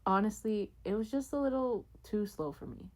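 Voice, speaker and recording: A woman giving her opinion of a film in a casual podcast chat, soft-spoken and hesitant, with many fillers. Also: medium pitch, lively intonation, normal speed. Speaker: podcast panelist.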